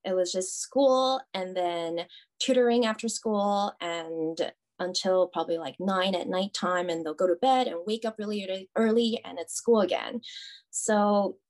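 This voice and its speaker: A woman from Taiwan in her thirties, chatting as a podcast guest, soft-spoken and chatty with frequent fillers and light laughs. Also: mid-range voice, unhurried. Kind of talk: casual interview conversation.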